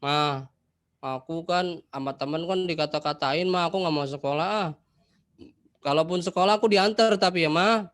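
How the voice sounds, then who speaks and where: A man's voice: a little high, normal speed, fairly bright tone, pitched above the performer's own voice, close to an everyday voice. A man doing a whiny spoiled kid. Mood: clingy. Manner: whining, pleading, petulant. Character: whiny clingy spoiled child, young.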